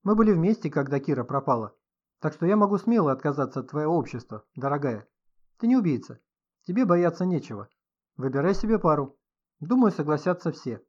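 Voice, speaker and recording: A man's voice: fairly high pitch, expressive, fairly quick, dull audio. A man reading an audiobook, voicing a sardonic, commanding host of a house. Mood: mocking. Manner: ironic, commanding. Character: sardonic middle-aged male host of the house, mocking.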